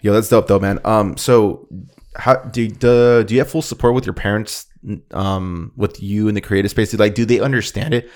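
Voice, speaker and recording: A man's voice: on the low side, steady tone, moderate pace, a little mellow. A man hosting a casual interview, laid-back and slangy, swearing casually.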